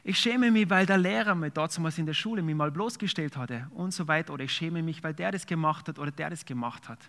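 A man's voice: fairly high pitch, brisk, fairly bright tone. A man preaching a sermon, reading scripture aloud and then explaining it in a conversational way with fillers. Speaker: pastor.

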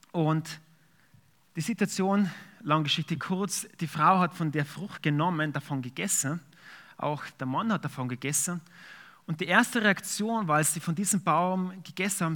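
Bright-voiced man preaching. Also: on the high side. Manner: conversational preaching with fillers, reads scripture aloud. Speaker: pastor. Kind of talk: sermon.

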